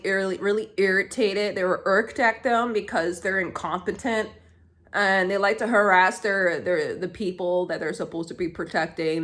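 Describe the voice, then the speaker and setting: A woman's voice: fairly low pitch, fairly bright tone. A woman vlogging to camera in a heated, rambling rant, swearing often and restarting her sentences. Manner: rambling, profane, heated, many fillers and restarts.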